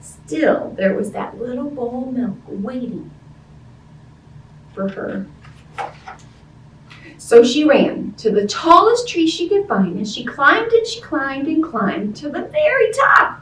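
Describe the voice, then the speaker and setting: In a high, sing-song, slightly bright voice, a woman reads a picture book expressively to young children, chatting simply and asking them questions. She goes slowly with long pauses, and the recording sounds roomy and distant, with faint background noise.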